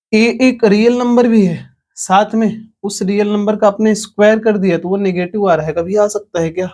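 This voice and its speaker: High-voiced man teaching a maths lesson. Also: darkish tone. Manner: explains step by step, asks the class questions. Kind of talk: online lecture.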